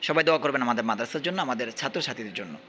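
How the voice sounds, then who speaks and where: A man from Bangladesh teaching at a madrasa, quizzing his pupils and repeating questions while urging them to answer louder. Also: mid-range voice, lively intonation, racing, slight background noise. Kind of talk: classroom quizzing.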